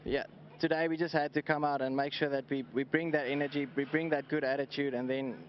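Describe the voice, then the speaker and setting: Here the cricketer's tone stays level as he haltingly answers post-match questions by the pitch, repeating words often; he's a South African whose mother tongue is Afrikaans. The outdoor broadcast audio sounds a bit dull, and there's slight background noise.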